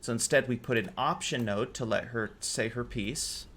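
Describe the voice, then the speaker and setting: A man hosting a casual game server tutorial, relaxed and correcting his own slips as he goes. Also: mid-range voice, moderate pace, slight background noise. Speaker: game modding tutorial host. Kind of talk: casual screen-recorded tutorial.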